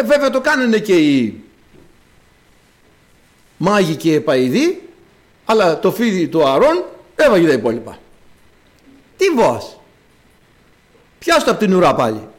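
A man preaching a sermon to his congregation, dramatic and full of rhetorical questions. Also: sits high.

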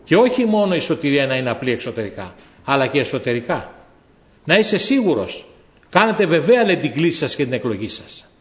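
A man preaching a sermon, telling a story and swinging between loud exhortation and low, quiet asides. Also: sing-song. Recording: echoey hall.

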